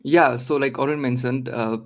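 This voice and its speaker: A man's voice: medium pitch, fairly even intonation, normal speed. A man from Nepal presenting at a conference, casual with many fillers. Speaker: conference speaker.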